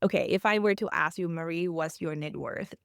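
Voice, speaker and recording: A woman's voice: fairly low pitch, a little fast, gravelly, smooth, no echo, studio quality. A woman, explaining earnestly as a financial coach in a podcast interview, with phrasing. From Thailand.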